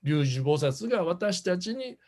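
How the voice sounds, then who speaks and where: An older Buddhist minister gives a dharma talk in a fairly high voice. He gently poses questions to the congregation and now and then drops into English. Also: sing-song, a little slow. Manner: sometimes slips into English phrases. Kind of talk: dharma talk at a temple service.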